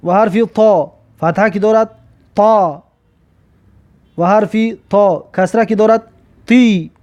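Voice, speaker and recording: A man's voice: high voice, darkish tone, dull audio. A man with a Tajik accent teaching the Arabic alphabet, patiently repeating and sounding out each letter. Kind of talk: recorded alphabet lesson.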